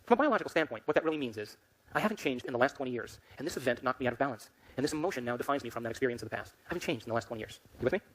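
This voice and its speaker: A man's voice: medium pitch, lively intonation, racing, husky, rough recording. A man giving a motivational lecture to a live audience, emphatic and constantly quizzing the crowd with questions.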